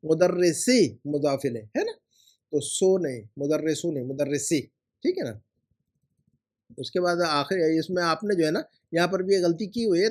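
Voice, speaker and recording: Male teacher, somewhat high voice, explanatory and repetitive as he corrects students' homework. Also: a little mellow. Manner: explanatory, repeats rules and asks "है ना" often. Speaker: Arabic teacher.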